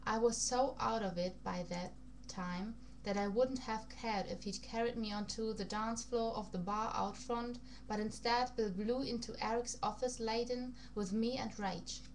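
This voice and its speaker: A woman's voice: a little high, fairly even intonation, unhurried. Woman reading fiction in a put-on foreign accent. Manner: stumbles over words and rereads phrases. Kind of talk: amateur reading aloud of a vampire novel. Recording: noisy recording with background hum.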